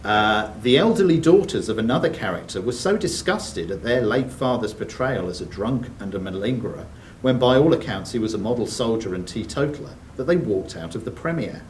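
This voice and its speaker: This quizmaster has a lowish, expressive voice and talks a little fast with few pauses. He reads quiz questions in a sports and social club room, slipping brief banter between the scripted ones, recorded on a distant room mic with faint background noise.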